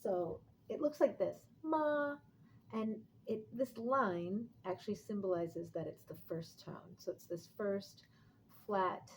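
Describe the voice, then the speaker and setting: Woman teacher, native English speaker, chatty and upbeat, mid pitch, faint noise behind. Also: measured pace, poor audio. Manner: chatty, upbeat, sings out the tones as examples. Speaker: language and tai chi teacher. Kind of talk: casual explaining lesson.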